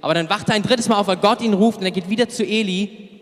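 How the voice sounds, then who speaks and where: A man preaching to young people, lively and casual, telling a story and acting out the characters' words. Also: sits high, quick pace, big-room sound. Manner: lively storytelling with acted quotes, casual asides; loses his place, searches notes aloud. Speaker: youth preacher. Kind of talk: sermon.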